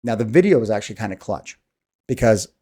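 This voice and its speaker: His voice is fairly low and dark, animated, and fast. A vlogger in his thirties, he gives a casual, rambling monologue to camera that's candid and self-deprecating, with frequent sighs.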